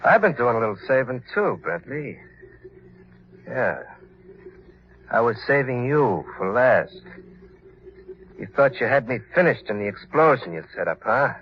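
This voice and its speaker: A cackling, unhinged vengeful crook. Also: male voice, medium pitch, big pitch swings, a little slow, pauses often, a little hiss or hum. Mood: gloating. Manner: menacing, gloating, cackling laughter. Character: vengeful, unhinged male ex-convict thought dead. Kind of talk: 1940s radio acting. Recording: dull lo-fi 1940s radio broadcast.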